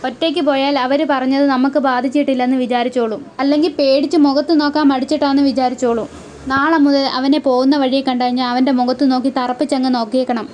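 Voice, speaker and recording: A woman's voice: sits high, fairly even intonation, fast, darkish tone, a little hiss or hum, lightly acted. A woman voicing a middle-aged father who reasons firmly with his wife.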